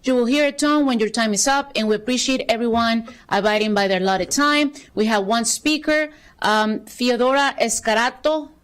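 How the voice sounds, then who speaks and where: A woman chairs a county council session, briskly reading procedural items with light asides in this formal meeting. She speaks at a desk microphone in the council chamber. Her voice is on the high side and smooth.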